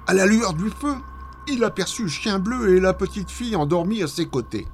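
A man narrating a children's storybook in an expressive, dramatic read-aloud manner. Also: high voice, normal speed, soft background music.

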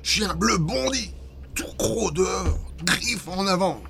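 A man's voice: sits high, takes it slowly, creaky, slight background noise. Man reading a children's story dramatically. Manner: expressive, dramatic read-aloud. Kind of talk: scripted storybook narration.

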